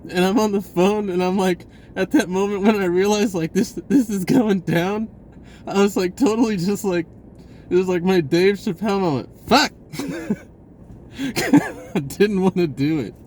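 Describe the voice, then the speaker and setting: A male vlogger with a high, slightly mellow voice tells a personal story at a measured pace, rambling casually in slangy, informal speech and acting out bits of dialogue. There is slight background noise.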